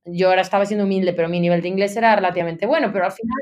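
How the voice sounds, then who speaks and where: A woman's voice: mid-range voice, steady tone, rapid-fire, darkish tone, lo-fi sound. A woman in her thirties from Spain speaks as an interview guest in a mid-range voice. She chats freely and slips English business terms into her sentences. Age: 30s. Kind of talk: conversational interview. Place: London.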